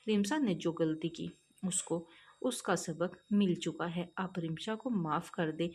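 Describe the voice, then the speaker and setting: A woman voicing a kind young man who gently and patiently advises a runaway girl. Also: on the low side, unhurried, husky. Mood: gentle.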